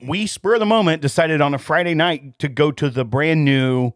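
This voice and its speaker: A man's voice: fairly high pitch, normal speed, no echo, studio quality. A man, co-hosting a podcast and telling long family stories with frequent laughs. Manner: chatty storyteller, laughs often. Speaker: podcast co-host. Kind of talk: casual chat.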